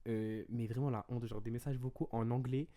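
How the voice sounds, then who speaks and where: A young man from France telling a story in a casual, animated vlog style, quoting the people in it. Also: medium pitch, a little fast. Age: young adult. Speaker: vlogger.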